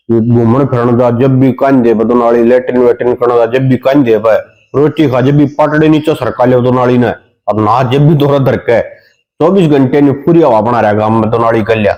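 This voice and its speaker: A man's voice: mid-range voice, darkish tone, lo-fi sound. A man with a Haryanvi accent telling comic village stories in dialect, slipping into sing-song voices for the people in his jokes. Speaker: comedian.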